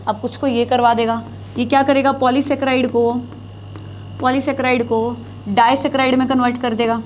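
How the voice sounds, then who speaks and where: Lady teacher lecturing at a board, high voice, keeps asking the kids stuff and repeats terms, faint room hiss. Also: flat delivery, normal speed. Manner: asks the students questions and answers them herself; repeats key terms, mixing Hindi with English. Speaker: biology teacher. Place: classroom, writing on a board.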